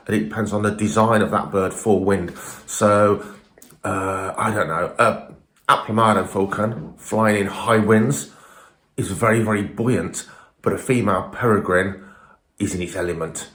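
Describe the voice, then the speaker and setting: A man's voice: lowish voice, steady tone, normal speed, a bit bright, echoey room. A man giving an informal, emphatic and opinionated talk to camera as a falconer presenting his own video, often throwing in rhetorical questions.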